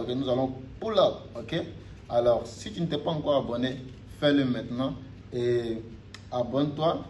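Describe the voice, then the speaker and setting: Male teacher for a casual video lesson, chatty, keeps tagging "ok?", mid pitch, slightly distant mic, faint hiss behind. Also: darkish tone. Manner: chatty, checks in with "ok?" after nearly every point. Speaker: Mandarin teacher on a video channel. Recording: faint background noise, a bit off-mic.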